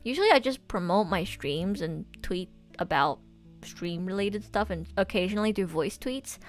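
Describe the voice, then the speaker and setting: Young woman, casual livestream chat, bubbly anime-fan talk, medium pitch, recovering from mouth surgery with stitches, music in background. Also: lively intonation, moderate pace. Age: young adult. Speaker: livestreamer and voice actor. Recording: music playing behind the voice.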